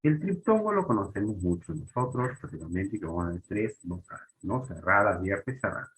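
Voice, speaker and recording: A man's voice: low voice, sing-song, brisk, a bit bright, rough recording. A man teaching a grammar lesson, often restarting and checking in with short questions.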